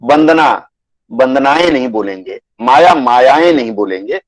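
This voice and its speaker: A man teaching a Hindi grammar class online, patiently repeating rules and dictating word lists slowly. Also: medium pitch, expressive, dry recording, low-quality recording.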